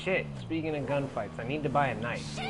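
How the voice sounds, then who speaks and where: A man's voice: medium pitch, fairly quick. Slangy gamer guy, noisy background. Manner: slangy, profane, rambling. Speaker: gaming commentator. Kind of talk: casual let's play commentary. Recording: clearly noisy, game engine sounds behind.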